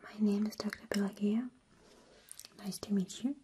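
A woman whispering softly and soothingly as a doctor in an ASMR roleplay. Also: mid-range voice, steady tone, normal speed, a little hiss or hum. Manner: soft whispering, gentle and soothing. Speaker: ASMR creator.

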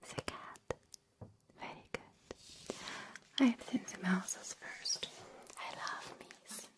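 Soft, reassuring whispers come from a non-native English-speaking woman voicing a kind, friendly alien for an ASMR roleplay, her phrasing halting as she goes.

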